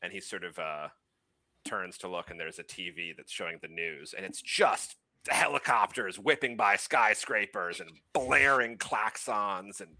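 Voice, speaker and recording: Male game master, casual rambling narration, lowish pitch, crisp bright tone. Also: lively intonation, normal speed, dry recording. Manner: loose, laughing, filler-heavy narration.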